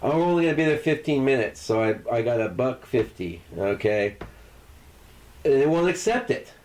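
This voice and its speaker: A man's voice: mid-range voice, animated, normal speed, a little mellow, poor audio. A man telling stories in a casual podcast chat. He swears freely, rambles, and restarts his sentences. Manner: loose, profane storytelling. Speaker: podcast co-host.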